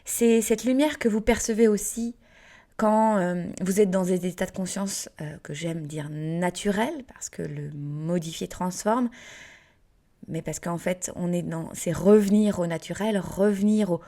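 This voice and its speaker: A woman's voice: fairly low pitch, measured pace, warm tone. A woman with a Southern French accent, teaching in a casual, chatty way with playful asides and frequent fillers, sometimes dropping to a whisper. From France. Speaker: yoga teacher and podcast host.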